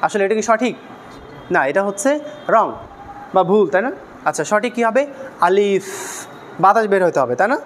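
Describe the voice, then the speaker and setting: A man's voice: high-pitched, lively intonation, a little fast, pauses often, fairly bright tone, slight background noise. A young man teaching a beginner class in a classroom, quizzing the students with repeated questions. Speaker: English teacher.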